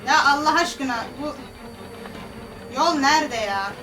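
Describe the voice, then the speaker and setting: Slow and expressive, her high voice belongs to a streamer working through a horror game. She mutters to herself, gasps and nervously pleads along the way, heard from afar beneath loud game music.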